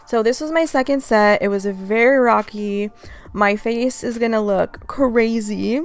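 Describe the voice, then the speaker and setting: A woman's voice: fairly high pitch, a little slow. A young woman chatting casually in a gym vlog, upbeat and talking straight to her viewers, a little out of breath after her workout. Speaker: fitness vlogger. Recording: faint music behind.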